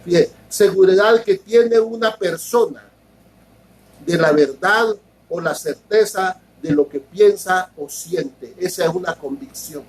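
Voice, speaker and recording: Male pastor, sermon, high voice, husky tone, repeats himself, keeps checking listeners follow. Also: low-quality recording. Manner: explains slowly, repeats words and keeps asking ¿verdad?.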